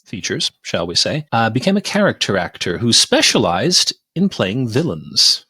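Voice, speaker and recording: Man, podcast host, mid-pitched, animated storyteller, dry close mic. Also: moderate pace, breathy edge, no echo. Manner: animated storyteller, recaps scenes with amused laughs. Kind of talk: casual film review chat.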